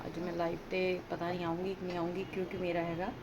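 A woman's voice: on the low side, flat delivery, quick pace. A woman with a Punjabi accent chatting casually to her viewers as a home vlogger, often asking them questions as she goes. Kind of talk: casual chat to viewers while doing housework. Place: at home, partly in a kitchen while cooking. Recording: noisy home recording with household ambience.

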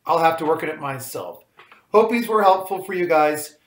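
A man leading a vocal warm-up lesson as a choir coach, with a morning voice, talking lightly and encouragingly and joking at his own singing. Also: on the high side, lively intonation, normal speed, reverberant. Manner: light, self-deprecating, encouraging.

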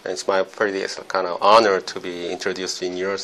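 A man's voice: sits low, flat delivery, normal speed, a bit bright, a little hiss or hum, poor audio. A man in his forties, a spine surgeon answering interview questions in his office, speaking hesitantly with many fillers. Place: doctor's office, indoors.

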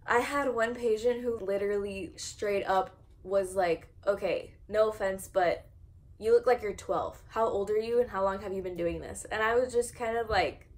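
A 21-year-old American-accented houseplant vlogger rambles casually and self-deprecatingly while repotting plants in a room at home full of greenery. She speaks at medium pitch and normal speed with a slightly mellow tone, and the home video has noticeable background noise.

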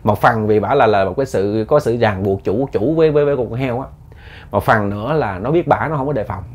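A man's voice: on the low side, a little fast. A man telling a ghost story in a folksy, repetitive way, often addressing his listeners.

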